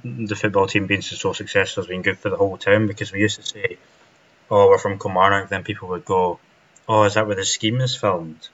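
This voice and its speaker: Deep-voiced host, dull lo-fi sound. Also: male voice, little pitch movement, a little fast, fairly bright tone. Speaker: podcast host. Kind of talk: casual interview chat.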